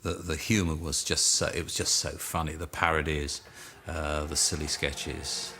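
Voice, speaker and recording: A man's voice: rumbling low, little pitch movement, normal speed, noisy background. A man interviewed for a documentary, emphatic, with many fillers. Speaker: commentator.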